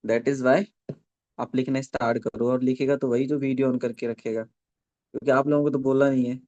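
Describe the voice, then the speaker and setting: A man running a live online training session for network marketing, dictating points slowly and checking in with listeners after nearly every sentence. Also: mid-range voice, flat delivery, warm tone, dull audio. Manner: dictates slowly for note-taking.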